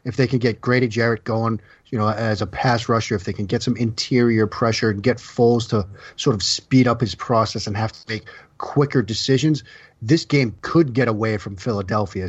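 A man's voice: medium pitch, slightly rough, no echo. A man with a Boston accent, a guest football analyst, talks freely and restarts his phrases now and then. His voice is close and dry, with a somewhat muffled, lo-fi sound. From Boston area, United States. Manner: talkative, repeats words as he restarts. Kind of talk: casual podcast chat. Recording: dry, slightly dull sound.

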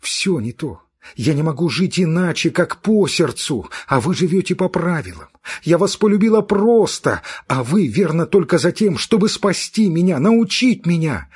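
A man's voice: medium pitch, expressive, measured pace, husky. A man voicing a hot-tempered, proud young woman in an audiobook reading, speaking in an agitated and insistent way. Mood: indignant. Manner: agitated, insistent, emphatic repetition.

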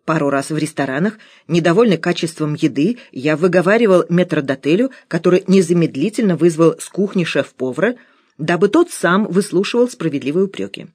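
A woman reading an audiobook as a first-person narrator, wry and expressive. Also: fairly low pitch, a little fast, slightly rough, no room sound, clean studio sound. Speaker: audiobook reader.

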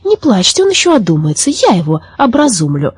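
Little Baba Yaga, a husky sly young witch, voiced by a woman. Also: mid-range voice, wildly swooping pitch, a little fast, no room sound, clean studio sound, voice pushed up, heavily acted. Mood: soothing. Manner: sweet, coaxing, slyly playful. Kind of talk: storybook reading.

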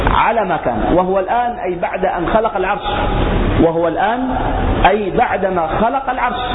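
A man's voice: high-pitched, slight background noise. A man giving a religious lesson on a classical text. He reads a line, then explains it and repeats key phrases. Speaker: religious teacher. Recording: phone-like, echoey hall recording.

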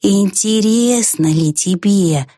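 A calm, peculiar female snail from a storybook, drawing each word out at a crawl. A woman does her voice in the reading. Her tone is quiet and unhurried, recorded dry and close. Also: mid-range voice, slightly rough, no room sound. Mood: slow and calm. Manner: very slow, drawn out, quiet.

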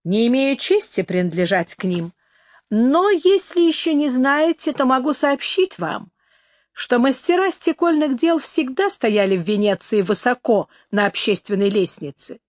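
A woman's voice: high voice, lively intonation, unhurried, no room sound. A woman reading an audiobook, voicing a wry young man who works as a factory clerk, with a dry, ironic delivery.

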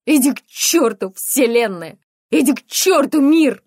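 A woman voicing a distraught single mother who shouts and sobs, gasping for air, in an audiobook. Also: sits high, expressive, measured pace, slightly rough, no room sound, clean studio sound, voice pushed up, heavily acted. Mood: screaming.

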